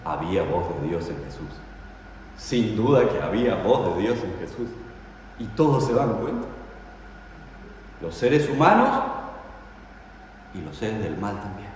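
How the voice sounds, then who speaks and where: A man's voice: fairly low pitch, big pitch swings, a little slow, pauses often, a little mellow, slight background noise. A man preaching a sermon, telling the story dramatically and putting rhetorical questions to his congregation. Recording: echoey hall, voice from far off.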